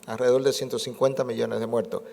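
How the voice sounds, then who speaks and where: Male pastor, 60s, sermon delivery, rhetorical and emphatic, mid pitch, reverberant church hall. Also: flat delivery, fast, creaky, a little mellow. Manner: rhetorical questions and repeated phrases, building emphasis. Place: church sanctuary.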